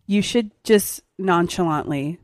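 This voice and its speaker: A young woman co-hosting a casual chat show, chatty and quick to laugh. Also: on the low side, a little mellow, no room sound, clean studio sound. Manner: chatty, laughs easily, jokes along. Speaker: podcast co-host.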